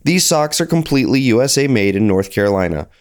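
A man reading a scripted product ad in an upbeat sales pitch. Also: expressive, quick pace. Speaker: ad reader. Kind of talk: scripted ad read.

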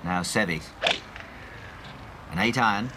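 A man working as a golf commentator, giving live commentary in a measured way with exclamations and rhetorical questions. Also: fairly low pitch. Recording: old outdoor broadcast, loud crowd and noise. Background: crowd and outdoor noise.

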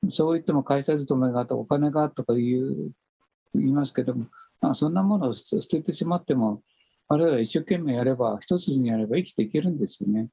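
An older man with a hoarse, raspy voice, earnestly giving conversational life advice and circling back over his key phrases. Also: medium pitch, fast talker, warm tone, dry recording, lo-fi sound. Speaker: teacher and author, podcast guest speaker.

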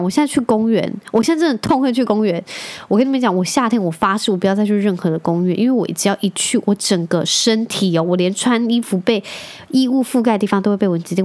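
Chatty young mom telling stories. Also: female voice, mid-range voice, a little mellow. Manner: chatty storytelling, laughs often. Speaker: podcast host, mother of a young boy. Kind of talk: casual chat.

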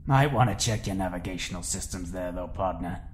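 A man voicing a gruff, grumpy male spaceship captain who talks in a slangy drawl. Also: deep voice, a little fast, slight background noise, pitched below the performer's own voice, natural voice.

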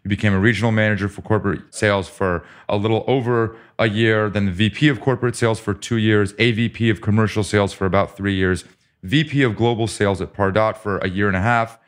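A low-pitched man hosting a casual podcast interview. He talks in an upbeat, joking way and reads through his guest's career at a brisk clip. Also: steady tone. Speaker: podcast host.

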